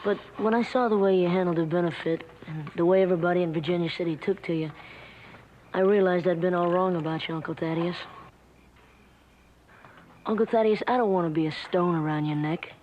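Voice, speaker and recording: A young actor playing an earnest, gentle young man who speaks softly and pleads hesitantly, in 1960s TV western acting. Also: high voice, steady tone, brisk, a little hiss or hum, lightly acted. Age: young adult. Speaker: young singer visiting his uncle. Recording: dull vintage TV soundtrack with music.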